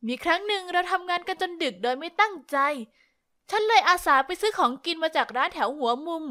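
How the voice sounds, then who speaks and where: A young woman narrating a first-person story in a lively, confiding way. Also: extremely high pitch, a little fast. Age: young adult.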